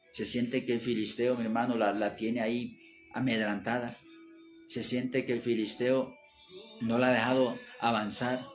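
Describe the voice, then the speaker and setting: Low, flat-voiced man preaching a sermon. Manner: fervent, repetitive preaching cadence with speaking in tongues.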